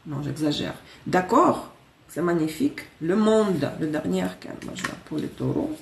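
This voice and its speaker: A woman's voice: fairly low pitch, sing-song, unhurried, creaky, roomy sound, far from the mic, noisy background. A woman from Russia with a Russian accent, chatting casually through a live tarot reading, correcting herself and joking as she goes. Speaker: tarot reader.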